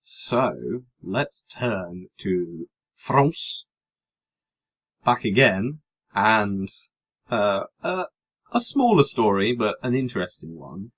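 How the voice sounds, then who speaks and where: A man's voice: on the low side, very animated, very slow, a bit bright, muffled recording. A man co-hosting a podcast, chatting casually and wryly about politics, rambling with hesitant fillers. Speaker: podcast co-host.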